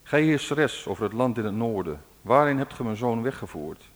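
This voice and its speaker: A man's voice: medium pitch, animated, moderate pace, long reverb tail, close to an everyday voice. A man reading out the lines of the hero's grieving, desperate old mother in a folk tale, pleading and anguished.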